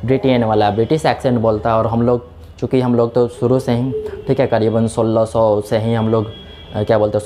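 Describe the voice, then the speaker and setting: A man's warm, medium-pitched voice delivers a classroom lecture, with a little hiss or hum in the background. He takes the material one step at a time, says "theek hai" repeatedly, and answers his own questions.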